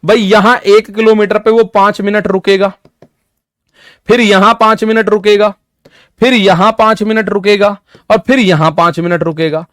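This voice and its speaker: A man's voice: high-pitched, fairly even intonation, normal speed, a bit bright, no room sound, clean studio sound. A male maths teacher giving an exam-prep lesson, explaining step by step, repeating key points and talking directly to his students.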